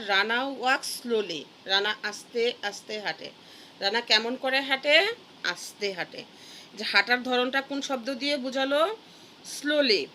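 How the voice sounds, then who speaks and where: A Bangladeshi woman teaching an English grammar lesson to young students, patient and deliberate, breaking words into syllables. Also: on the high side, sharp tone, a little hiss or hum. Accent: Bangladeshi Bengali.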